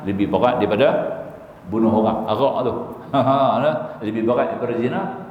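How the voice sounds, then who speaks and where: A man's voice: mid-range voice, a little fast. A man giving a religious lecture, telling stories with humor and often asking the listeners whether they see his point. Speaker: religious teacher. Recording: echoey hall, dull lo-fi sound, faint hiss.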